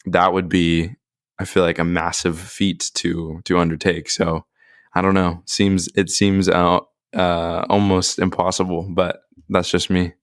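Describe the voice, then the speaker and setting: A man's voice: low-pitched, little pitch movement, a little slow, no echo, studio quality. A man co-hosting a casual podcast discussion, thinking aloud with a lot of filler "like"s. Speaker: podcast co-host.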